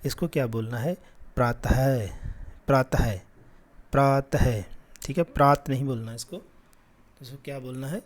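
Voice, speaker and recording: Man, teacher, patient and slow-spoken, middle pitch, classroom lesson. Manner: patient, repeats sounds slowly for children.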